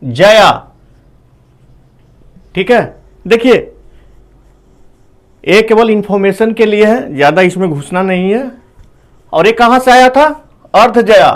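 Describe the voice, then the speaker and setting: A man's voice: sits high, lively intonation. A man teaching a whiteboard math lesson, explaining step by step, asking his students questions and saying "okay" between points. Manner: explains slowly, asks the class questions.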